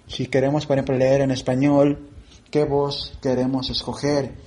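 A man presenting a relaxed tutorial, explaining app settings step by step and thinking aloud as he goes. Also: medium pitch, normal speed, a little hiss or hum. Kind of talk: screen-reader app walkthrough.

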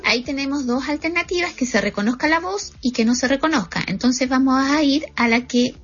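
Woman calmly walking through phone setup. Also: high voice, brisk, husky. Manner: calm, explains each gesture to listeners. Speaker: tutorial presenter. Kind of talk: step-by-step spoken tutorial. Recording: muffled lo-fi audio, faint music.

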